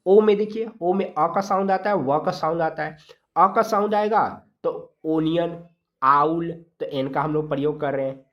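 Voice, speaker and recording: A teacher from India giving a grammar lesson, explaining rules step by step, sounding letters out slowly and checking in often with the class. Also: medium pitch, muffled recording. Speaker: exam-prep English grammar teacher.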